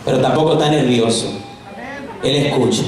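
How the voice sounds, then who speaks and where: A male evangelist preaching an impassioned sermon, fervent and shouting at times, recorded from far off in a church. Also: normal speed, a crowd in the background. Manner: fervent, shouting, swinging from loud to low. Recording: echoey church, voice from far off, faint noise.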